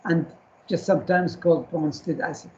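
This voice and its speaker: A man's voice: a little high, normal speed, muffled recording, a little hiss or hum. A man lecturing a class on chemistry, firing short questions at students and repeating key terms so they stick.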